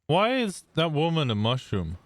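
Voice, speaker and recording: A man's voice: on the high side, huge pitch swings, normal speed, no echo, clean studio sound. A man playing a laid-back, blunt customer in a casual online game role-play.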